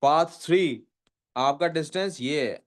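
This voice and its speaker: Man teaching physics, higher voice. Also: measured pace. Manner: reads questions in English, explains in Urdu, quizzes the class. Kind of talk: classroom lecture. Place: classroom.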